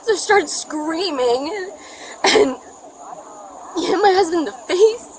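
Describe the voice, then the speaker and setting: A woman's voice: extremely high pitch, animated, takes it slowly, slight background noise, poor audio. A shaken woman outdoors at night giving a rambling statement to police, recorded on a body camera. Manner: shaken, breathless, rambling retelling. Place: outdoors on a residential street at night. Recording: body cam audio with people around.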